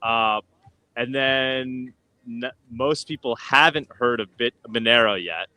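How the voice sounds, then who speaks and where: Bright-voiced male host, loose rambling street chat. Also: mid-range voice, slow, smooth, dry recording, low-quality recording. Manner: loose, rambling, many fillers and restarts. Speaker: podcast host. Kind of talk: casual livestream chat. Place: outdoors on a street, coffee stand.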